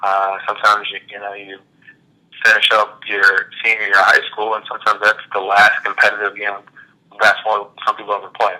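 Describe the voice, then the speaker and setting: Man in his thirties, interview guest, low voice, even and level delivery, relaxed and reflective. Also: fairly quick, rough recording. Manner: relaxed, reflective, frequent "you know" fillers. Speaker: interview guest, former college athlete. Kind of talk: casual interview conversation.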